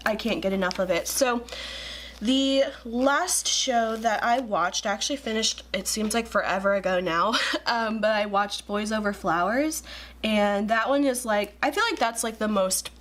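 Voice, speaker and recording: A woman in her twenties, just woken up with a raspy morning voice, chatting casually and rambling with many fillers in a planning vlog. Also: mid-range voice, fairly bright tone, a little hiss or hum. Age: 20s. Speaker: planner vlogger.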